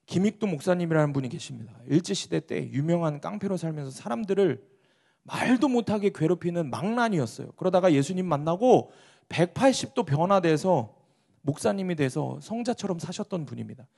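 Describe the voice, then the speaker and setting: Gravelly preaching man. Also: a little high, lively intonation, brisk. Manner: swings between loud and hushed delivery. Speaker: pastor. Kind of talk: sermon with dramatic storytelling.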